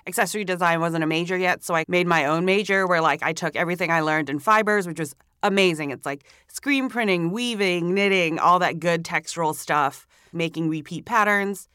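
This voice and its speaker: Speaking briskly with few pauses, a young Hong Kong woman guests on a podcast, keeping the interview chat relaxed and full of "like" fillers. Her lowish voice is clear and resonant, captured at studio quality without echo.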